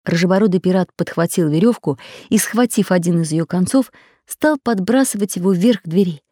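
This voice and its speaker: Female audiobook narrator, lively theatrical reading, slightly low voice, dry close mic. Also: moderate pace, no echo. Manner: animated, theatrical storytelling. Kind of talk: expressive fairy-tale narration.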